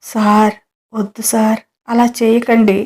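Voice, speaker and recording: Figure: a woman reading as a shy, torn young housemaid. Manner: faint, weak-voiced. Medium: audio story. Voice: dark and flat. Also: medium pitch, a little slow, creaky. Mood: faint pleading.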